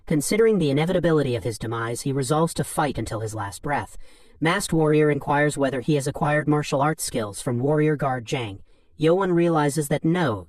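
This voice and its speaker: A man with a somewhat high voice narrates a story recap, reading each beat in an even, flat third-person summary. The sound is dry and close, with no room around it. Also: dry recording.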